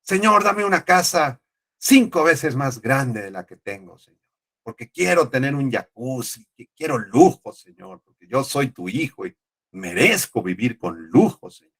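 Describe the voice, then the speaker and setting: Sermon example: a vain, whining believer demanding luxury from God, acted by the preacher. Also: male voice, medium pitch, animated, unhurried, a bit bright. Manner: whining, self-entitled.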